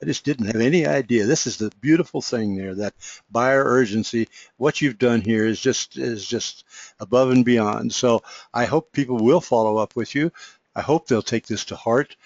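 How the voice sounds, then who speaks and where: A man's voice: medium pitch, moderate pace, darkish tone, no room sound, highs cut off. A man hosting an interview, speaking with hesitant, effusive enthusiasm. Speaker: host. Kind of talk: podcast interview.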